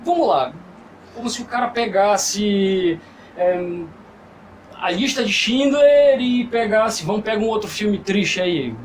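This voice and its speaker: High-voiced guy ranting about movies with friends, voice jumps all over, lots of restarts, noisy recording. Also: takes it slowly. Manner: animated, talks in long runs with many restarts. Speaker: podcast co-host. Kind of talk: casual group chat about films.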